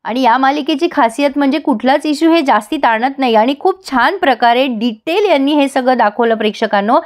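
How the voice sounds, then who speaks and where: A woman's voice: high voice, fairly quick. A woman retelling a TV serial episode in a storytelling manner, addressing her viewers directly. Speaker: serial recap narrator.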